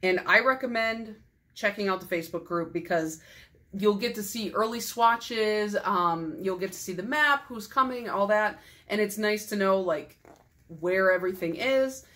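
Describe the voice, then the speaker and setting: A woman's voice: medium pitch, normal speed, a bit bright. A young woman talks through a casual haul vlog in a chatty, self-deprecating way, laughing often. She is tired and her voice is going. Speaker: nail polish YouTuber.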